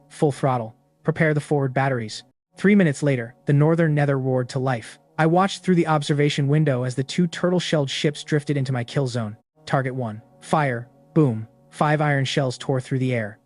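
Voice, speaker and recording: A man narrating a story recap in the first person, in a steady, matter-of-fact way. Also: mid-range voice, no echo.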